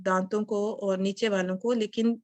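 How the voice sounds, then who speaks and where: A woman teaching a recitation lesson, patient and methodical, pausing to demonstrate each sound. Her voice sits at an ordinary middle pitch. It is recorded close and dry, with no room sound. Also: flat delivery, a little mellow, no echo. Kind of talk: tajweed lesson.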